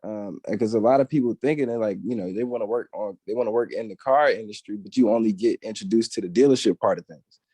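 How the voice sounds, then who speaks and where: Mellow-voiced young man, eager and talkative. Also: fairly low pitch, breathy edge, no room sound. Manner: eager and talkative, quotes others in quick asides. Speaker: guest graphic artist and designer. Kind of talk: casual interview chat.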